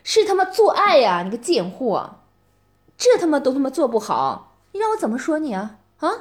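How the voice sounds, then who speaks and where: In a one-voice audio roleplay, a woman with a high voice and wildly swooping pitch plays a scornful young woman berating her ex-boyfriend at a moderate pace. She sneers, mocks, swears, hurls insults, and keeps taunting him with "啊？".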